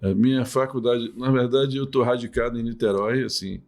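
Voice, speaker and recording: A man's voice: mid-range voice, fairly even intonation, brisk, a little mellow. A middle-aged man from Salvador, a urologist and professor, answering podcast interview questions in a patient, explanatory way with many restarts. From Salvador, Bahia, Brazil.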